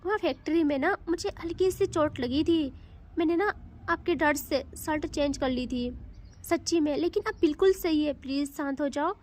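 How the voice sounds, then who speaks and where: Woman narrator playing a devoted young lover, gentle, coaxing, reassuring, high voice, audio story. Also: moderate pace, a little hiss or hum, natural voice. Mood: soothing.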